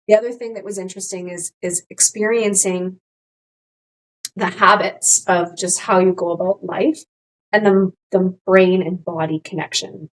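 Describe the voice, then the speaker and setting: A woman's voice: mid-range voice, rough recording. Candid woman, rambling podcast co-host. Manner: rambling, restarts often, animated quoting of herself. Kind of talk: candid casual chat.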